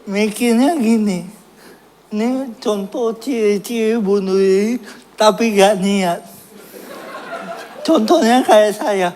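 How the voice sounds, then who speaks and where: A man's voice: high voice, slow, long pauses, a little mellow, slight background noise. A man preaching a personal testimony, self-mocking and laughing at his own story, earnest when recounting his prayers.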